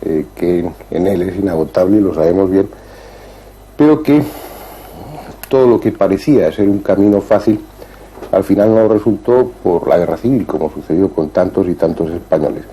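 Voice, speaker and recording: A man hosting an interview, asking questions and narrating in a calm, thoughtful way. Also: sits low, normal speed, a little hiss or hum, low-quality recording. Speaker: interviewer and host.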